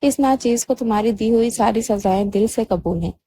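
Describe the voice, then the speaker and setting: A young husband speaking low and coldly, as a woman narrator reads him. The voice is kept quiet and measured, as in an audio novel reading. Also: a little hiss or hum, close to an everyday voice. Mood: cool. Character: young husband, cool then loving.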